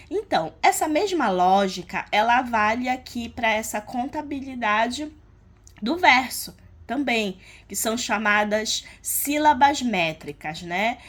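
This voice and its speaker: A woman's voice: mid-range voice, fairly bright tone. A woman teaching a lesson on poetic meter, explaining step by step and often checking in with her students. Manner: unhurried, checks in with frequent tag questions. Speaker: literature teacher. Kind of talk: explanatory lesson on poetry metrics.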